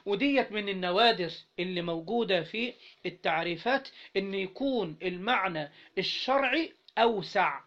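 A man with an Egyptian Arabic accent teaches Islamic jurisprudence to a class, reading a text aloud and explaining it while prompting students with questions and having them fill in words. His voice sits high and fairly bright, with lively intonation and a moderate pace. The recording is dull lo-fi.

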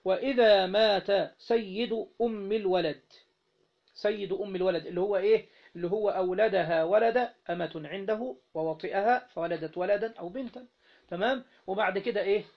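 A man's voice: high-pitched, fast, creaky. A man with an Egyptian accent teaching a classroom lesson on Islamic jurisprudence, reading a text aloud and explaining it, prompting his students with questions. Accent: Egyptian Arabic. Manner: keeps prompting students with questions, has them fill in words. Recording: dull lo-fi recording.

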